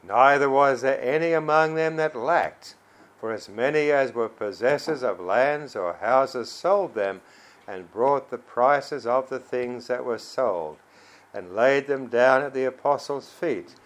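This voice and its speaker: A male preacher reads scripture and prays in a measured, unhurried way. His voice sits at a middling pitch, and he leans hard on key phrases with solemn emphasis. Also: low-quality recording. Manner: solemn, emphatic reading with rising stresses. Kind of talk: scripture reading and prayer.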